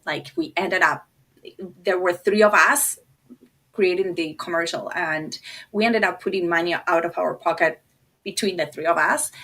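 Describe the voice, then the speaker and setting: Appearing on a podcast, this designer and producer, a middle-aged native Spanish speaker from Argentina, chats in a fairly low voice with a touch of brightness. She spins animated, conversational stories, poking fun at herself and performing bits of dialogue.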